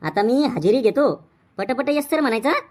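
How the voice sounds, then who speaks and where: A woman's voice: fairly high pitch, big pitch swings, moderate pace, a little mellow. A woman voicing a bossy village schoolmaster, scolding. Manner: scolding, mocking, rustic insults. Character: bossy short-tempered village schoolmaster, male. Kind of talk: comic cartoon dubbing.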